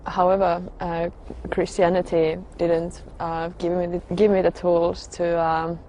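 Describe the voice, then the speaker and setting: A soft-spoken woman tells her own story slowly and haltingly, pausing often to find her words. Her voice sits fairly low and stays quite flat in pitch. A faint hum of room noise lingers behind her. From Finland. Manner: hesitant, halting, with frequent pauses and fillers. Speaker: religious convert sharing her story. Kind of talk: personal testimony.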